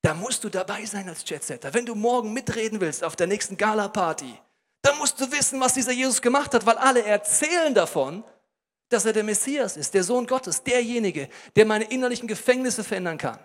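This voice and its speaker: A man preaching a sermon in a lively, colloquial way, speaking straight to the listener. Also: high voice, fairly quick, big-room sound.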